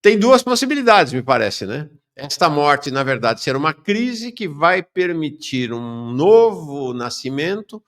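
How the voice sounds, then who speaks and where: A man's voice: on the high side, sing-song, measured pace, few pauses, a bit bright. A Brazilian man hosting a live talk show, chatty as he reads viewer comments. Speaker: host.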